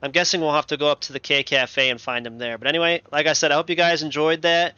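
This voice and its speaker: Young male let's play host, laid-back and rambling, bright, somewhat high voice. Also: steady tone, fast talker, smooth, no room sound, dull audio. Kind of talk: casual gameplay commentary.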